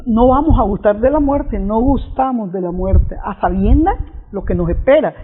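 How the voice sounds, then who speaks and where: A man with a high, husky voice preaches an unscripted reflection on scripture at a normal speed, sounding expressive and earnest. He frequently restarts and repeats his phrases, and the audio is tinny, like a phone.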